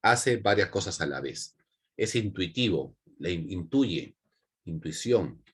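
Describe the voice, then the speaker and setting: A man with a Peruvian accent teaching an online class, repeating key points and checking in with quick tags. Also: low-pitched, animated, breathy edge. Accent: Peruvian Spanish. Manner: repetitive, with frequent check-in tags.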